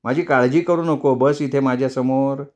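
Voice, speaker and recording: A man voicing an elderly grandmother who speaks gently and lovingly in a storybook reading. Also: medium pitch, steady tone, moderate pace, natural voice. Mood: tender. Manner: gentle, soothing.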